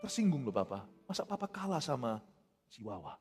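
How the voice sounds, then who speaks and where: A man from Indonesia preaching a sermon as pastor, animated and acting out quotes, with English phrases mixed in. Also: mid-range voice, brisk, big-room sound, soft background music.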